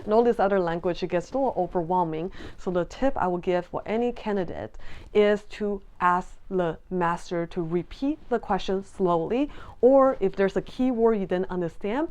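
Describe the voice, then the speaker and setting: A Taiwanese-born sommelier vlogger explains sommelier exams to the camera in a casual, friendly way. Her voice is on the low side and darkish, and she's earnest, with plenty of ums and restarts.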